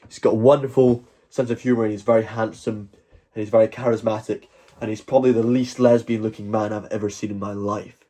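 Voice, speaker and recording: A man's voice: fairly low pitch, steady tone, a little fast, mellow. A Scottish man chatting casually on a livestream, rambling along with jokey mock-boasting. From Scotland. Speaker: live streamer. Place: at home, moving between outdoors and indoors.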